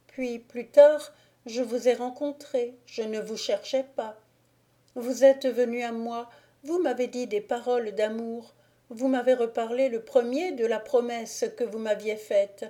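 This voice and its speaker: A woman voicing a gentle, innocent young peasant woman who speaks softly, in an audiobook. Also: fairly high pitch, steady tone, unhurried, voice pushed up, close to an everyday voice. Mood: earnest. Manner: soft and gentle. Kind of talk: audiobook character reading.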